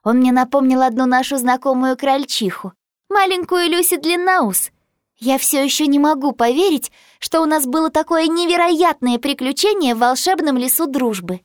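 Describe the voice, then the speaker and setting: A woman voicing a cheerful young girl who speaks in a bright, gushing, excited way. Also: sits high, normal speed, dry recording, clean studio sound, voice pushed up, natural voice. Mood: bubbly.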